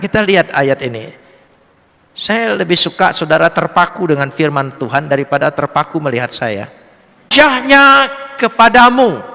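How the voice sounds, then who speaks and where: Guy preaching a sermon in a church hall, bright ringing voice, gets loud then goes quiet, long echo. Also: fairly high pitch, gravelly. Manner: preaching with swelling emphatic peaks and quiet drops. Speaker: pastor.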